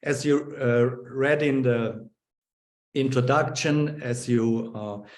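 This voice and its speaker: A man hosting an online webinar speaks slowly and haltingly, stopping often on fillers and restarts. His voice comes through a video call with a noticeably echoey room around it. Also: mid-range voice. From Germany. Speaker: webinar host. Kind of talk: hesitant opening remarks on a video call.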